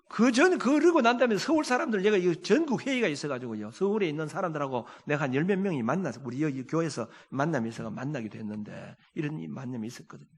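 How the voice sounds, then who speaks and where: A man's voice: on the high side, lively intonation, fast, breathy edge. Emphatic preaching pastor, man, in a reverberant church. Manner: emphatic, swings from loud preaching to quiet storytelling. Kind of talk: sermon. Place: church sanctuary. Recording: long hall reverb in a church.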